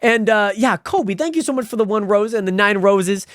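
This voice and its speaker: Twenties male streamer, rambling and friendly, high bright-sounding voice, dry close mic. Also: moderate pace, no room sound. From Spokane, Washington. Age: 20s. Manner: rambling, friendly, animated with sudden high pitch jumps. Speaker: livestreamer. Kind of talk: casual stream chat reading viewer comments.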